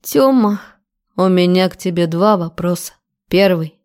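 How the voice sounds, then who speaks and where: A woman reading an audiobook, voicing an enraged young man who interrogates slowly and with menace. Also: fairly low pitch, a little mellow, lightly acted. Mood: menacing. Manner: slow, threatening interrogation. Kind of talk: audiobook character voice.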